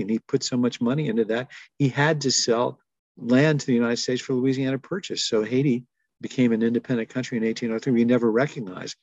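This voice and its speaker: Gravelly older man in his seventies. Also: medium pitch, a little mellow, dry recording, dull audio. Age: 70s. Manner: thoughtful, wry, chuckles between stories. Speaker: interviewee. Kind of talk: reflective conversational storytelling.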